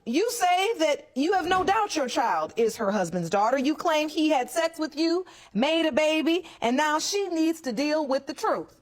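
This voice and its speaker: A woman's voice: high voice, animated, normal speed, hardly any pauses. A woman presiding as judge on a courtroom show, firm and questioning.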